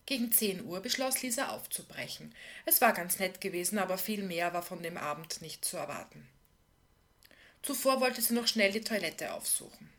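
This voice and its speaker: A woman reading aloud from a novel in a calm, measured way, often trailing off softly at the end of phrases. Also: fairly low pitch. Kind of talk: literary reading.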